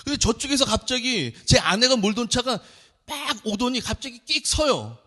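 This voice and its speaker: A male preacher delivering an impassioned sermon, his voice sitting high and leaping up and down. He drops soft, then builds to loud as he tells a vivid story to his church. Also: very animated, moderate pace, breathy edge. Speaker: junior pastor.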